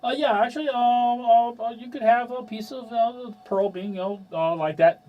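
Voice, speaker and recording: A man chatting as a player, halting and searching for words, with dull, distant sound. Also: very high-pitched. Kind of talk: casual chat.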